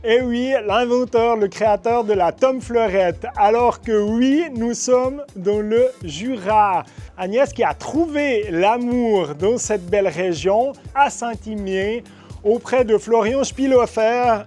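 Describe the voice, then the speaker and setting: High-pitched, effusive male host. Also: slow pace, a little mellow. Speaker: host presenting regional food producers. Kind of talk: enthusiastic on-location presenting. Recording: music behind the voice.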